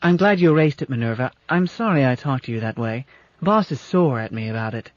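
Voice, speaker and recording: A man's voice: expressive, a little fast, no echo, lightly acted. A man reading an audiobook voices a timid, tearful female ship computer that sounds like a little girl and sometimes swears. The recording is dull and lo-fi. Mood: timid, pleading. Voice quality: childlike, squeaky. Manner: whiny, pleading.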